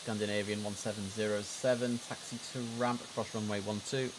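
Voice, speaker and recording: This young streamer talks briskly in a fairly low-pitched voice as he runs an air traffic control game through his headset. Casual chatter mixes with relaxed readouts of radio calls, and he repeats words for emphasis.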